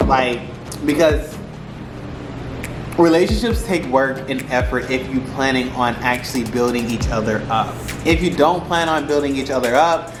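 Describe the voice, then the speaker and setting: A man's mid-pitched voice comes through in a roomy, echoing space with music clearly playing behind it. He chats informally and slangily, rambling a little and repeating phrases to stress his advice, in the loose style of a mukbang vlog. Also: normal speed. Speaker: vlogger giving relationship advice. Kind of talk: casual mukbang chat to camera.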